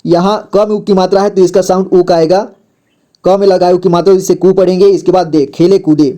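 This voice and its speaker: High, mellow-voiced man teaching reading. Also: flat delivery, brisk. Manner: patient, repeats each word twice and explains letters. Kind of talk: slow word-by-word reading lesson.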